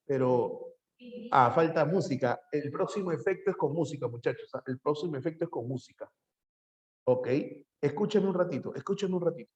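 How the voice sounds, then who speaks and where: Male teacher, slightly high voice; lively classroom lecturer who repeats lines and quizzes students nonstop. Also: lo-fi sound. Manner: animated, repeats phrases, quizzes students with rapid questions. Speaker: psychology teacher.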